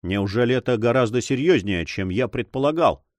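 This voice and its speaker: A man's voice: mid-range voice, animated, a little fast, dry recording, close to an everyday voice. A man reading an audiobook, voicing a passionate young man who speaks fervently and pleadingly. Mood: ardent.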